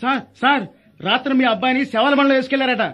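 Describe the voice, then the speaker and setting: An actor playing a blunt, bossy hospital hand in a stage comedy, throwing accusations back. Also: male voice, very high voice, steady tone, fast talker, muffled recording.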